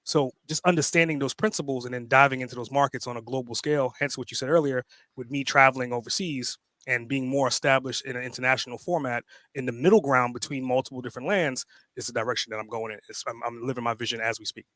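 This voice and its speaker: A man's voice: medium pitch, steady tone, fast talker, fairly bright tone, dry recording. A man from Trinidad and Tobago, a podcast guest speaking in a casual interview, often repeating words as he starts a sentence.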